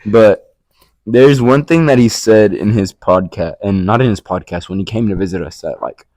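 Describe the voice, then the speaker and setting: A young adult man from Puerto Rico, a podcast co-host, shares his faith story in a rambling casual chat full of fillers and restarts. His voice is on the low side and a little mellow, at a moderate pace, in a dry recording.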